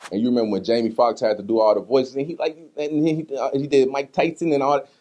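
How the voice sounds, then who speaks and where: A fast-talking man with a medium-pitched voice is a candid interview guest answering personal questions. His casual speech is slangy and conversational, and he retells stories animatedly, acting out what others said.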